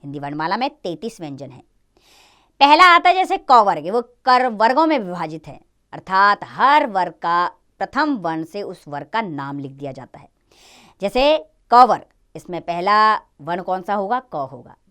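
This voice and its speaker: A woman's voice: mid-range voice, very animated, normal speed, a bit bright, smooth. A woman teaching a grammar lesson to children, explaining step by step and asking and answering her own questions.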